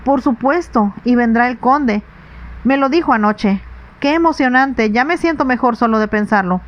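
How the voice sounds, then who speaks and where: A woman voicing a petulant, self-indulgent young stepmother in a soft, whispered role-play audiobook reading. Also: on the high side, moderate pace, highs cut off, lightly acted. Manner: childish, dreamy and self-indulgent. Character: petulant pleasure-loving young stepmother, lady.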